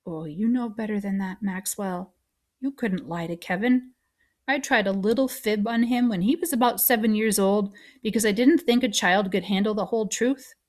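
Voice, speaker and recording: A woman voices a weary middle-aged doctor from a storybook, hushed and consoling, her words low and soft. She speaks with quiet patience, never raising her voice, and sounds worn out. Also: normal speed, close to an everyday voice. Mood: gentle. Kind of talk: audiobook reading.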